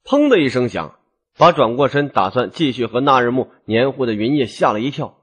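A man narrating a long audiobook novel in a lively, expressive storytelling style. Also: mid-range voice, fairly quick, husky.

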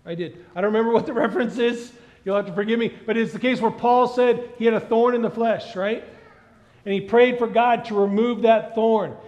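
A middle-aged man preaching a sermon on a church stage, animated and asking the congregation questions. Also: very high-pitched, brisk. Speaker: pastor. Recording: dull sound with long hall reverb.

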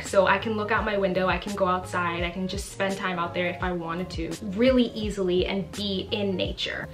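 A woman's voice: medium pitch, fairly bright tone. A young woman from the Bahamas talking to the camera in a casual, emphatic vlog in a small living room. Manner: chatty and emphatic, often says literally. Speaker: vlogger.

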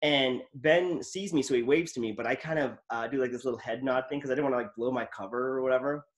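A man's voice: medium pitch, fast talker. Enthusiastic rambling man host. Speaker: podcast host. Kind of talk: casual interview chat.

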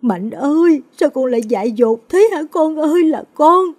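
A woman voicing a grieving elderly mother who laments in a high, strained voice. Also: normal speed, dark tone, husky. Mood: wailing. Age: older.

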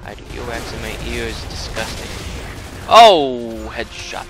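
A man giving casual, sweary, self-deprecating let's-play commentary, with soft R sounds that come out like w. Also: medium pitch, lively intonation, slow. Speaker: gaming video host. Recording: game music, gunfire behind voice. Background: game music, gunfire and vehicle sounds.

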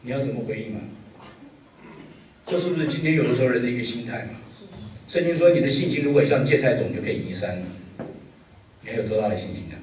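Joking pastor preaching in an echoey hall. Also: male voice, medium pitch, distant mic, a little hiss or hum. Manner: lively, joking, full of rhetorical questions. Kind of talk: sermon.

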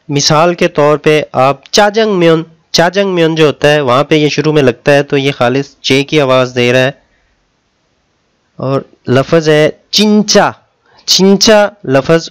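A man teaching a Korean language lesson, speaking Urdu as his first language, with patient explanations and slow, drawn-out pronunciation drills. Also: a little high, clean tone.

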